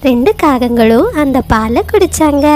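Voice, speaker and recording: A woman with a high voice tells a children's fable at an even, steady storytelling pace. A faint hiss sits under her voice. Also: moderate pace. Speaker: narrator. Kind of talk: storybook narration.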